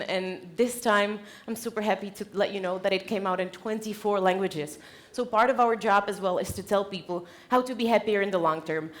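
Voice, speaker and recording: A Czech woman with a Czech accent and a mid-range voice gives an informal motivational talk as a conference keynote speaker. She keeps it playful, joking and conversational with her audience.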